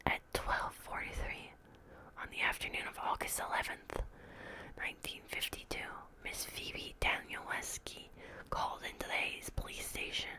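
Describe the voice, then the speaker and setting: This female ASMR reader reads horror in a whisper, keeping a slow, creepy, hushed tone that sounds like a formal report.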